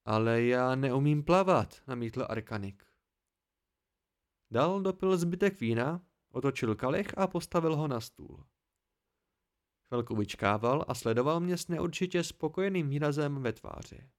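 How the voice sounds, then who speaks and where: Man reading an audiobook, slightly high. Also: expressive, long pauses. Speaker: audiobook narrator. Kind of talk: amateur audiobook narration.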